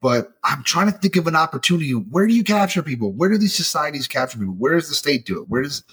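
A man's voice: fairly high pitch, fast talker, slightly rough. A man co-hosting a podcast in casual chat, telling work stories and acting out the dialogue. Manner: animated storyteller, acts out quoted dialogue. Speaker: podcast co-host.

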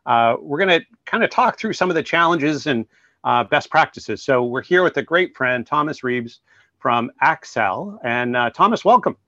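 A man's voice: mid-range voice, animated, moderate pace, bright, forceful tone, no echo. Hesitant male podcast host, lo-fi sound. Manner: hesitant, many restarts and fillers. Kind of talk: interview hosting. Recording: dull lo-fi sound.

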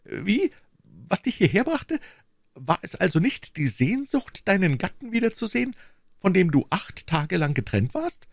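A man's voice: sits high, very animated, moderate pace, vocal fry, no room sound, studio quality, voice pushed up, exaggerated voice. A man reading aloud and voicing a touchy, greedy male shopkeeper who talks pompously and indignantly, in a raised voice. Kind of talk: audiobook reading.

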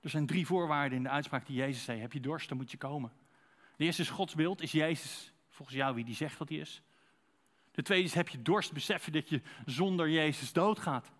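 A man delivering a sermon in a relaxed, conversational way, often turning to the congregation with direct questions. His voice sits a little high for a man, and he keeps an easy, talkative delivery. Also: fairly quick. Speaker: preacher.

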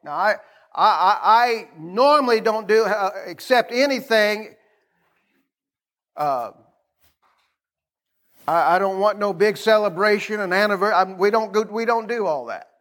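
A middle-aged American man with a notably high-pitched voice preaches as a pastor. His sermon is informal and folksy, more like conversation than oratory. He repeats phrases and prompts his listeners to respond. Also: a little slow, long pauses, fairly bright tone.

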